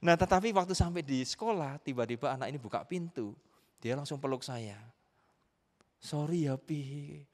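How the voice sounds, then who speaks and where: Pastor preaching in a reverberant hall. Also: male voice, brisk. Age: middle-aged. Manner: animated storyteller, acting out family members' voices with sharp leaps in pitch. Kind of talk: sermon with personal story. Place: church sanctuary.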